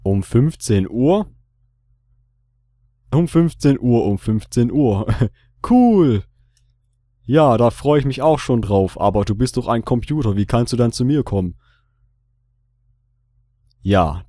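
A man's voice: medium pitch, warm tone, no echo, clean studio sound. A man hosting a gaming video in casual commentary, joking and repeating his own lines aloud. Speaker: let's play host.

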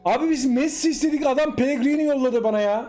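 A man with a Turkish accent giving excited, animated commentary while playing a football video game, repeating short cries at the screen. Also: extremely high pitch, quick pace, soft background music. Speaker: gaming YouTuber. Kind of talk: excited live gameplay commentary.

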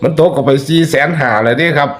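A man's voice: fairly high pitch, fast talker, a bit bright. A man with an Isan accent giving chatty, folksy spoken commentary that turns into preachy warnings to his listeners. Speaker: online commentator.

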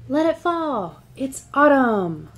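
A young adult woman, working as a children's librarian, reads picture books aloud in an indoor library room lined with bookshelves. She speaks directly to the young listeners with encouragement, in a high-pitched, sing-song voice that takes its time.

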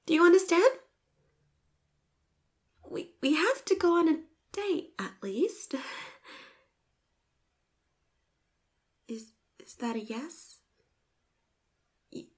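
In a very high, slightly mellow voice, a woman heavily acts out the part of a popular schoolgirl with a crush in a romantic roleplay. The character is shy and flustered, sweet but insistent, stammering bashfully and slipping in whispered asides, all with a tender, shy mood.

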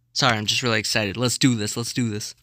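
A young man reacting to a video, cheering, yelling and pleading at the screen. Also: fairly low pitch, little pitch movement, fast, no echo. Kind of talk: excited reaction commentary.

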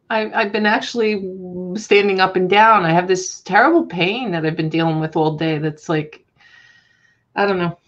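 A woman's voice: on the low side, unhurried, long pauses, highs cut off. A woman co-hosting a live stream over a video call, chatting casually and laughing a lot. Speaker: co-host. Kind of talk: casual chat. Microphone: webcam video call.

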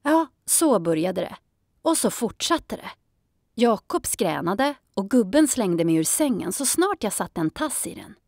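A woman narrating a children's audiobook in a calm storytelling manner. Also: mid-range voice, no room sound, studio quality.

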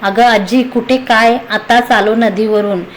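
A woman's voice: a little high, fairly even intonation, measured pace, slight background noise, close to an everyday voice, low-quality recording. A woman voicing a teasing, playful young husband in a read-aloud story. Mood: flustered. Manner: grumbling under his breath.

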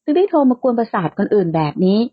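A woman's voice: fairly high pitch, sing-song, husky, dry recording. A woman voicing an irritated young businessman who speaks curtly, in a lightly lo-fi, dry recording. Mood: annoyed. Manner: curt and annoyed, slow and clipped.

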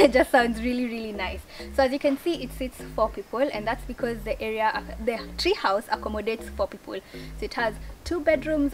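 A young woman, hosting a casual travel vlog and touring a treehouse rental, chatty and bubbly, laughing often. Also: fairly high pitch. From Kenya. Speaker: vlogger, channel host. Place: treehouse holiday rental, partly outdoors.

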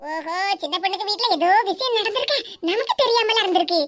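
A woman's voice: very high-pitched, expressive, fast talker. A woman voicing a scheming, sweet-talking village neighbor in a cartoon, with a Tirunelveli Tamil accent, muttering sly asides. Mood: coaxing. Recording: loud background noise.

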